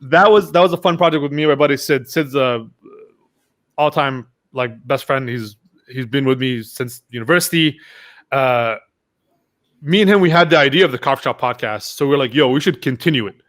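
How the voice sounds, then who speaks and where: A young man speaks at normal speed with a mid-range voice, sharing casual stories as a guest on a podcast. Animated throughout, he acts out what his friends said during the relaxed interview.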